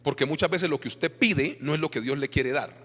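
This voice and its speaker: Male pastor, Colombian Spanish accent, higher voice, sermon in a long-reverb church hall. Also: brisk. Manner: animated preaching with rhetorical questions to the congregation.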